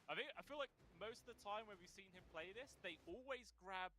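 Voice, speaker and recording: A man casting an esports draft, relaxed and quick to laugh in banter. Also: high voice. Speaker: esports caster. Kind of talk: casual draft commentary.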